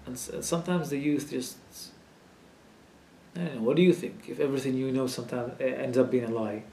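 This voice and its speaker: Brisk and dark-toned with some vocal fry, this young Palestinian man's medium-pitched voice stays fairly even in intonation as he answers interview questions. He talks frankly and casually, packs in fillers, and lets out a curse when something riles him. Faint ambient noise sits under an echoey room sound.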